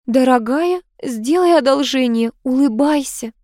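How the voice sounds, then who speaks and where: A woman's voice: high voice, unhurried, a little mellow, no room sound, studio quality, pitched above the performer's own voice. A woman reading an audiobook, voicing a gracious older society lady who speaks in a mentoring tone.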